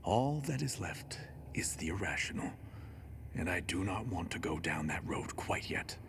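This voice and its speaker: A deep-voiced, weary doctor from a video game, dictates grim notes. He speaks slowly and theatrically with villain-like menace, often dropping to a hush. Strong noise sits over the recording. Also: lively intonation, creaky, exaggerated voice. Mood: grave, ominous. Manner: slow, theatrical, ominous villain-like delivery. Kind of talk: dramatic video game monologue.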